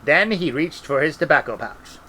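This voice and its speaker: Middle-aged male reader, bright voice, animated comic narration. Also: on the high side, normal speed, a little hiss or hum, low-quality recording. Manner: lively, expressive storytelling. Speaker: audiobook reader. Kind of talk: comic novel reading.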